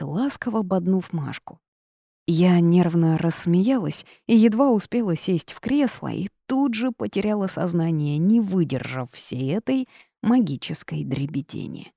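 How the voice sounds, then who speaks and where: Low, mellow-voiced woman reading an audiobook. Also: dry recording, studio quality. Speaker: audiobook narrator. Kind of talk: first-person audiobook narration.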